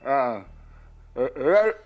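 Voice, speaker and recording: A woman's voice: rumbling low, expressive, very slow. A woman with a Jamaican accent bantering playfully as a TV show host, boisterous and teasing, her words sometimes muffled by a mouth retractor. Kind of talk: playful casual banter during a party game.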